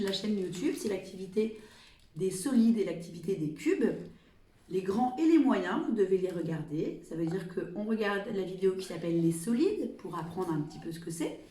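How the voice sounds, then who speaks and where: A woman working as a preschool teacher, giving gentle, clear instructions to small children in a remote lesson. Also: medium pitch, echoey room, far from the mic.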